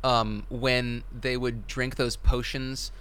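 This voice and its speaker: A man with a clear, smooth voice at a middling pitch chats loosely on a podcast. He rambles through asides and fillers and often trails off softly at the end of his points. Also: little pitch movement, slow. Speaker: podcast co-host. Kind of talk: casual movie podcast chat.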